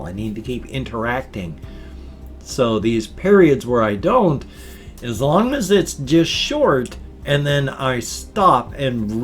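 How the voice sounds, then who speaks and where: An older man with a medium-pitched voice speaks casually about himself in a vlog, halting and correcting his words as he goes. His ill-fitting dentures make his speech slightly slurred.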